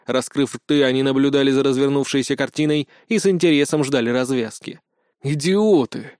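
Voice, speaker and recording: A man narrating a first-person fantasy novel in a measured, expressive reading. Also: mid-range voice, smooth, no room sound, clean studio sound. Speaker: audiobook narrator.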